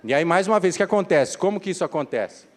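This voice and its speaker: A man from Brazil delivers a motivational talk, his voice sitting a little high and leaping about with lively swings of pitch. He jokes with the crowd and talks straight to them. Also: fast. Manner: animated, joking, addresses the audience directly. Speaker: motivational speaker. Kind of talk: live motivational talk to an audience. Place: council chamber hall.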